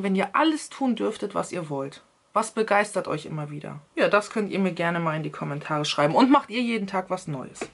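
A woman's voice: mid-range voice, a bit bright, breathy edge. A woman answering a question series in a casual vlog chat, slangy and talking straight to her viewers. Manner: chatty and slangy, addresses viewers directly.

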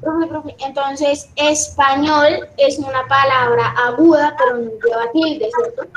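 An eager student with a high voice answers in class and keeps calling out to the teacher. A faint hiss sits under the voice. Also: female voice, steady tone, a little slow. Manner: eager, calls out "profe" repeatedly.

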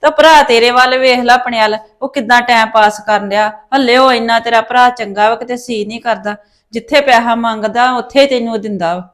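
A woman's voice: on the high side, fairly even intonation, brisk, a bit bright. A woman with a Punjabi accent playing a nagging, scolding mother in a family drama. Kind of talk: rural family drama acting.

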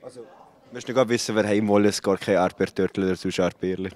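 A man's voice: lowish voice, steady tone, fast talker, a little mellow. A young man with a Valais Swiss German accent, chatting playfully into a handheld reporter microphone in an office. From Valais, Switzerland. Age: young adult. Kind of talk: playful vox pop chat. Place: open-plan office.

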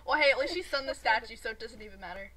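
Brief: high-voiced woman, dramatic and giggly, casual gameplay chat over a noisy recording. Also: rapid-fire. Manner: loud, giggly, dramatic protests. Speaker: channel owner playing a game with friends. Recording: noisy game-chat audio.

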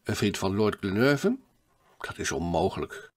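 A man's voice: low-pitched, animated, moderate pace. A bewildered ship's steward, as a male narrator plays him, answering in short, polite replies. He is a plain, everyday voice, close to the reader's own. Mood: puzzled.

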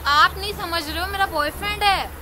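A woman's voice: very high-pitched, fairly quick. A woman speaking curtly and dismissively, turning someone away on the street. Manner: curt, dismissive. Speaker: prank partner. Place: busy street outdoors. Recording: busy street with crowd.

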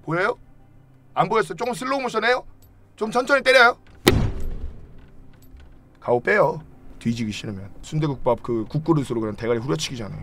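A young man streaming a game from home, chatting casually and yelling and swearing at the game. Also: on the high side, animated, a little fast, pauses often, noisy background. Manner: hot-tempered, yells and swears at the game.

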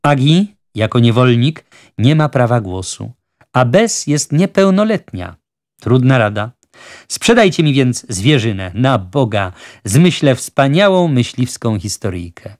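A man's voice: medium pitch, very animated, a little slow, darkish tone. A man voicing a genial, talkative wealthy judge who persuades with fussy good humor. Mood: jovial.

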